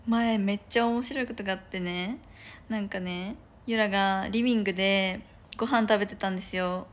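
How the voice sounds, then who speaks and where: A woman's voice: medium pitch, fairly even intonation, brisk. A young woman chatting casually on a livestream from her room, rambling and giggling with many fillers. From Japan. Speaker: idol livestreamer. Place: room at home with no curtains.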